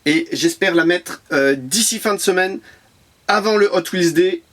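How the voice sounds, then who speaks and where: A man's voice: high-pitched, a little slow, fairly bright tone. A man chatting enthusiastically as he shows off his toy car collection to camera, with lots of fillers and repeated words, recorded at home on a camera mic. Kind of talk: casual unboxing commentary.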